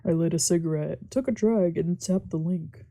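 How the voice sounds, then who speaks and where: A woman with a lowish, warm voice at normal speed streams a visual novel let's play. She reads the game text aloud and reacts casually with playful, slangy asides.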